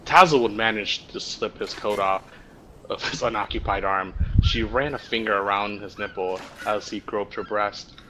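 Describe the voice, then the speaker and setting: This story reader has a fairly low, bright, forceful voice and moves at a moderate pace. The recording is rough, with faint background noise from his voice chat mic as he reads roleplay text to friends, stumbling occasionally and stifling laughs.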